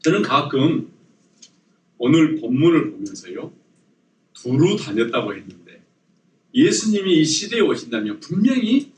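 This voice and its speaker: A pastor with a slightly high voice preaches a sermon a little slowly, with long pauses, in a church sanctuary. He tells a joke story with lively energy and prompts the congregation to repeat after him, recorded from a distant mic in an echoey church hall.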